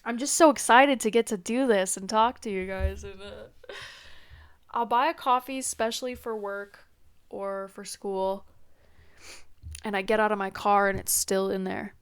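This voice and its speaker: With a medium-pitched, steady voice at a measured pace, a young podcast host records her first episode on a laptop's built-in microphone. She rambles casually and pokes fun at herself, clearly congested; the audio is clean, studio quality and echo-free.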